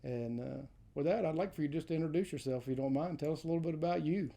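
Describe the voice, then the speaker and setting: A man's voice: fairly high pitch, fast, gravelly, warm tone. A man hosting an interview show, effusive and welcoming toward his guest. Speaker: podcast host. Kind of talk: interview introduction.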